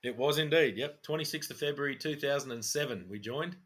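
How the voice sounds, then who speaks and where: A man's voice: medium pitch, brisk, a bit bright. A middle-aged man with an Australian accent chats casually as a podcast co-host. He talks like a laid-back working bloke, with plenty of slang and an easygoing delivery. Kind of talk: casual chat.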